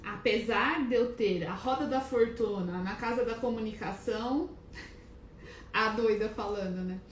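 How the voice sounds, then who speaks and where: A woman's voice: on the high side, measured pace. A woman hosting a casual live stream from her clinic, chatty and a little nervous, greeting viewers by name with many hesitant restarts. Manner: calls herself shy and nervous. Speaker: wellness live-stream host. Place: clinic office, indoors. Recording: echoey room, faint background noise.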